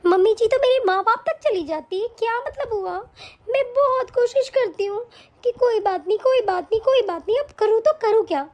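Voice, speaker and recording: A woman voicing a very high, pleading young bride. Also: moderate pace. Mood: fed up. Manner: pleading, soft-spoken. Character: young, put-upon daughter-in-law. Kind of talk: cartoon voice acting.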